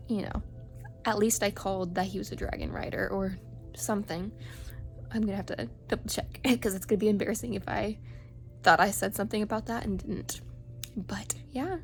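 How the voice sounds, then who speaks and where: A woman giving a casual, chatty solo book review as a reading vlogger. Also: mid-range voice.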